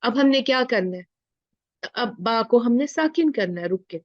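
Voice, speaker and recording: A woman's voice: a little high, lively intonation, moderate pace, no echo. A woman teaching Quran recitation step by step, drilling each sound and asking questions she then answers herself. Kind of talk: slow step-by-step recitation lesson. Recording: dull lo-fi sound, dry close mic.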